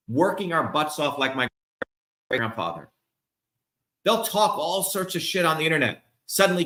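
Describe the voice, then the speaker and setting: His voice runs a little high, bright and forceful, bouncing around a reverberant space. A middle-aged candidate, he's venting to supporters in an angry livestream tirade that's profane, heated and emphatic.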